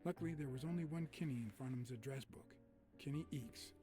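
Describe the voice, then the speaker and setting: An actor voicing a male cat detective in a video game, narrating his thoughts in a dry, wry noir manner, with soft music under it. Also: mid-range voice, a little fast, close to an everyday voice. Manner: dry, wry inner monologue.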